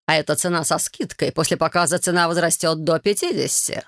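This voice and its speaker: An audiobook reader voicing a smug, greedy young male fashion genius, speaking slowly and drawing out the words. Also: mid-range voice, a bit bright, dry recording, studio quality, close to an everyday voice.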